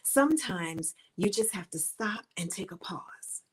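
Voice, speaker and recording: A woman's voice: mid-range voice, lively intonation, unhurried, husky, poor audio. A middle-aged woman giving an encouraging, faith-based talk to camera as a speaker and author, repeating her points and dropping to a near-whisper at times. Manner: earnest, repetitive and coaching, drops to a soft near-whisper at times.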